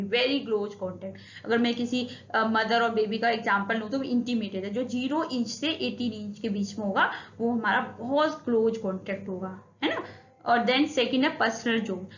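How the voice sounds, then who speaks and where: Woman, fairly high voice, lecturing teacher, code-mixing, roomy dull recording, faint hiss. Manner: mixes Hindi and English, explains with everyday examples. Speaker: exam-prep teacher. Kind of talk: revision lecture. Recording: dull audio with room echo and faint hiss.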